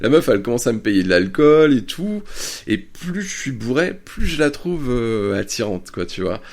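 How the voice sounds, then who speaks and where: A man's voice: medium pitch, sing-song, normal speed. A man hosting a podcast, telling a crude story in a chatty, casual way and laughing often. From France. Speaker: podcast host. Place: Bordeaux area.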